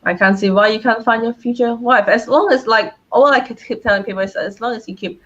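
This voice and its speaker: A woman's voice: a little high, a little fast, fairly bright tone. A woman answering audience questions as a guest speaker on a live stream, cheerful, laughing often and using many fillers. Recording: dull lo-fi stream audio.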